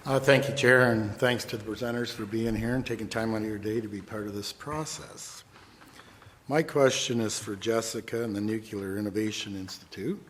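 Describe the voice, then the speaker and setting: A man's voice: fairly low pitch, fairly even intonation, normal speed, fairly bright tone, slight background noise. A man asking questions at a legislative committee hearing in a plainspoken, folksy way. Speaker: committee member. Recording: long reverb in a hearing room.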